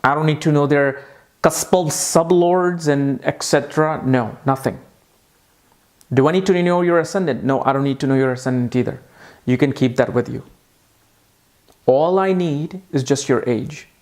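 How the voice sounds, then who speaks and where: A man giving an explanatory video lesson on astrology, emphatic and enthusiastic, repeating points for emphasis. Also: fairly high pitch. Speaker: astrology teacher.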